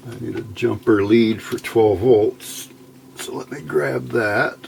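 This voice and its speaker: Speaking slowly in a creaky, darkish, fairly low voice, a male hobbyist presenter talks through an electronics demo at his workbench indoors. He thinks aloud informally in short phrases, and the home recording carries a lot of noise.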